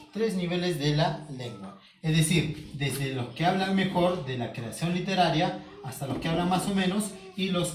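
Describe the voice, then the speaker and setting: A man teaching a home-schooling language lesson, explaining slowly, repeating key words and asking himself questions as the student would. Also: high-pitched, distant mic, slight background noise. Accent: Peruvian Spanish. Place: home room. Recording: echoey room, voice from off the mic.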